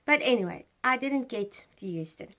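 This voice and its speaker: South african lady rambling on her knitting podcast, kinda high voice, lots of um and so anyway. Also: lively intonation, normal speed, fairly bright tone. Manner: rambling, chatty, self-interrupting with fillers and laughs. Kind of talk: casual chat.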